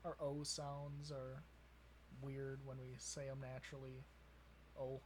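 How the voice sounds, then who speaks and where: A man's voice: medium pitch, completely flat delivery, measured pace, over a noisy crowd. A young man with a Wisconsin accent, co-hosting a podcast in casual chat, rambling and laughing often. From Wisconsin, USA. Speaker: podcast co-host.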